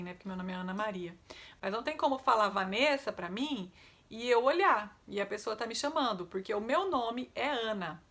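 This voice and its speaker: A woman's voice: on the high side, fairly bright tone. A woman speech therapist, giving a patient, didactic online lesson and often checking in with tag questions.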